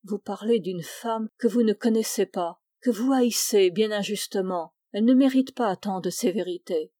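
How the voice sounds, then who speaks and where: Femme lisant un jeune homme suppliant et sincère, voix chaleureuse, son sec. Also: female voice, medium pitch, moderate pace, mellow, dry recording, clean studio sound, natural voice. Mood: pleading. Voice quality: earnest, pleading. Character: anguished pious young man pleading with his mother.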